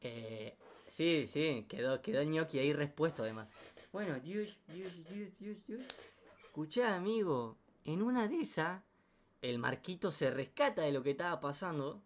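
A man with an Argentine Rioplatense accent telling a comic anecdote in a slangy, animated way, full of sound effects and asides. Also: fairly high pitch, moderate pace, slight background noise. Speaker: storyteller.

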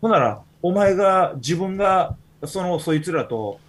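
A man's voice: high voice, animated, measured pace. A man with a Kansai accent, hosting a podcast in casual chat, telling rambling stories full of fillers. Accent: Kansai Japanese. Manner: rambling storytelling with many fillers. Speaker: podcast host.

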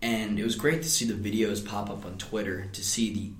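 A man's voice: lowish voice, brisk, roomy sound. A young man co-hosting a student sports podcast, chatting casually and animatedly about a college basketball game, laughing often. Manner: animated, laughs often, breaks into shouting imitations.

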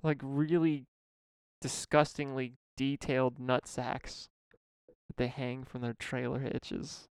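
A man's voice: medium pitch, flat delivery, slow, smooth, dry recording. A young man in casual chat, joking around and firing off rhetorical questions with frequent laughs.

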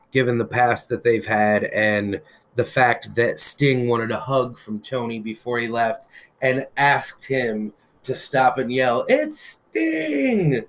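A man co-hosting a casual wrestling news chat, an eager fan who talks with lots of "um" fillers and the odd curse word. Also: medium pitch. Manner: excited fan talk with frequent "um" fillers and some cursing. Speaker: podcast co-host.

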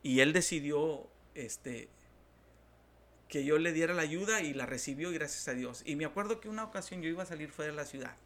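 Animated northern Mexican pastor storyteller. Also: male voice, on the high side, fairly quick. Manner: animated storyteller acting out quoted voices. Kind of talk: telling stories in a talk-show interview.

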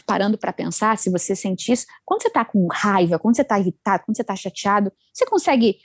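A woman chatting casually about self-help ideas, animated and acting out inner voices. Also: medium pitch, quick pace, dry recording. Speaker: guest sharing self-help advice. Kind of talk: casual chat.

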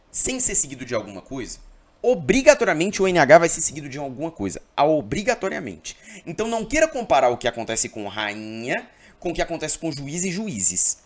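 A man from Brazil teaching an exam-prep grammar lesson, emphatic and always checking in with his listeners. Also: a little high.

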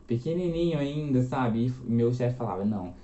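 A man in his twenties from Minas Gerais, talking as a guest in a casual interview and telling his story in a chatty, lively way. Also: mid-range voice, moderate pace, reverberant, lo-fi sound, a little hiss or hum. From Minas Gerais, Brazil. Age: 20s.

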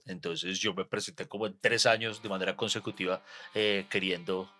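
A man, a podcast guest chatting casually, animated and quick to laugh and tease. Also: deep voice, soft background music. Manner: animated, laughs easily, teasing. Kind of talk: casual chat.

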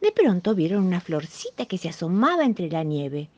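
Woman, Rioplatense accent, children's story narration, lively melody, dry close recording, slightly muffled. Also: fairly low pitch, normal speed, dry recording. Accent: Rioplatense Spanish.

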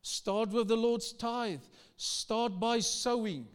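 A man's voice: extremely high pitch, takes it slowly, clear, resonant tone. A male pastor preaching an exhorting sermon like a pep talk, repeating questions and commands to his congregation. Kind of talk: rousing sermon exhortation, like a pep talk, calling for crowd response. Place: large reverberant church hall. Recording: long hall reverb.

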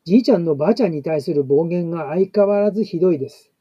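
A man reading a family blog story aloud, in a slow, measured way with pauses. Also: a little high, breathy edge, no room sound, highs cut off. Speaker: narrator.

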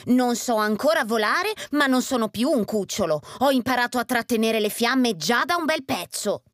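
A man's voice: very high-pitched, lively intonation, moderate pace, a bit bright, no echo, studio quality, voice pushed up. A man voicing a young, earnest male elf apprentice who breathes fire, in a children's storybook reading.

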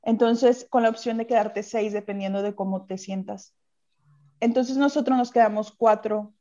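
A woman with a Mexican accent chatting casually, telling a personal story in a lively way and acting out other people's voices. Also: medium pitch, normal speed. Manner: lively storyteller who acts out quoted voices. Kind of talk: casual chat. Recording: slightly muffled lo-fi audio.

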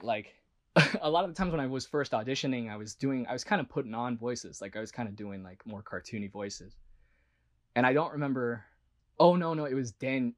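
A man who works as a voice actor, talking casually and earnestly in an interview, rambling with lots of "like" and restarts. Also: mid-range voice. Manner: earnest and self-reflective.

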